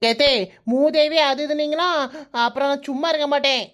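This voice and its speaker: A woman voicing a sharp-tongued, scheming young daughter-in-law in a Tamil cartoon, mocking and sarcastic, with a Kanyakumari Tamil accent. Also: high-pitched, steady tone, moderate pace. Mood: defiant. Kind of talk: cartoon voice acting.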